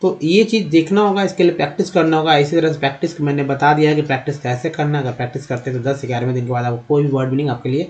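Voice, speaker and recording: A man teaching English pronunciation in a lesson, speaking slowly, spelling out letters and asking his viewers questions. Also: a little high, fairly even intonation, a little mellow. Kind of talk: Hindi-language pronunciation lesson.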